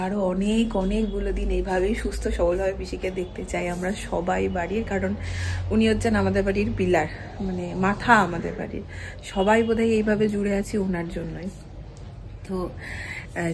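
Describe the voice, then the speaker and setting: A woman vlogging casually at home about a family birthday, speaking softly. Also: medium pitch, a little hiss or hum. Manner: hushed, soft-spoken narration. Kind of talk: casual vlog chat.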